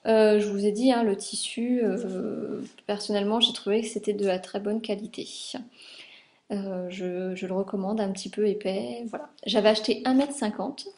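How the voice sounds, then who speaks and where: A young Frenchwoman who vlogs about sewing chats casually about clothes she made, speaking at a moderate pace in a warm, mid-range voice with fairly even intonation. She uses plenty of fillers while showing off the details.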